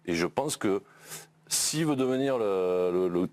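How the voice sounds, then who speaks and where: Blunt, low-voiced male pundit. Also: expressive, unhurried, a little mellow. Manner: blunt, critical, many restarts. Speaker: regular football pundit. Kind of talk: TV studio debate.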